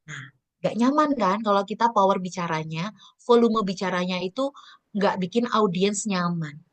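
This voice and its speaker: A woman leading a public speaking training over a video call, varying her pitch and volume on purpose and calling on participants by name in a chatty, teacherly way. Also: normal speed. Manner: lively, swings pitch and volume on purpose to demonstrate. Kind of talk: online training lecture.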